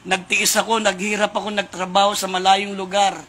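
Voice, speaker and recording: A weary husband pours out his hardship with anguish, as a male preacher quotes him. His voice is high and bright. It stays close to a preacher's speaking tone. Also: little pitch movement, moderate pace, a little hiss or hum. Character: wronged, weary migrant-worker husband.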